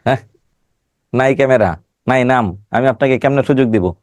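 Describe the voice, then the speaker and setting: Middle-aged man, teacher with a cold, mid pitch, dry close sound, teasing students on a video call. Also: moderate pace, dry recording. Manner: joking, scolding students by name. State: has a cold. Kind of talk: online class lecture with teasing banter.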